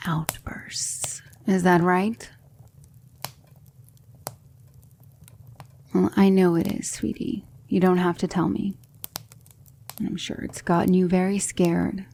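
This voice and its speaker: In an ASMR roleplay, a woman plays a gentle, patient demon mentor, speaking softly and often in a whisper. Her lowish voice is soothing and reassuring, with a little hiss or hum in the background.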